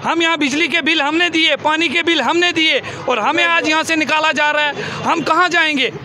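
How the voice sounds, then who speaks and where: The young adult spokesman for a protest pleads fervently with a reporter at an outdoor tent by a busy road, returning to the same points for emphasis. His pitch is extremely high, his intonation fairly even, his pace moderate, with crowd and traffic sounds behind him.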